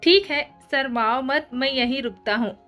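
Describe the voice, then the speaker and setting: A woman's voice: sits high, moderate pace, dull audio, faint music behind, close to an everyday voice. A woman voicing a teasing, domineering young nobleman who talks in a playful, smug, coaxing way.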